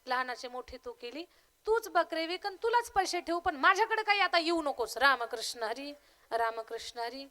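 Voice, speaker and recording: A woman voicing a pious farmer husband who keeps murmuring a low, slow chant between his stubborn replies. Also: animated, pushed and bright.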